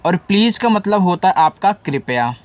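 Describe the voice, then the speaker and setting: A man's voice: high-pitched, animated, normal speed. A man who teaches English and spells words out letter by letter, then patiently explains how to read them. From India. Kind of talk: spelling lesson.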